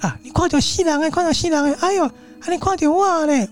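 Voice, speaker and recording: A man with a Taiwanese Mandarin accent voicing a group of giggling ghost children who taunt in a high sing-song. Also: fast talker. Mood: eerie taunting. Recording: background music under the voice.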